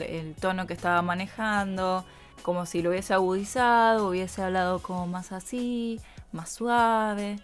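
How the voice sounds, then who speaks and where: A woman with an Argentine accent, a voice coach hosting a reflective solo podcast, talking conversationally and often checking in with her listeners. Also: medium pitch. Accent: Argentine Spanish. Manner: conversational, frequent tag questions to listeners.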